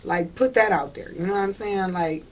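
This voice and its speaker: Here a woman's mid-range voice moves at normal speed as she talks casually as an interview guest. She's from Detroit, United States, with the accent to match, and her speech is emphatic and slangy, with frequent checks that the listener follows.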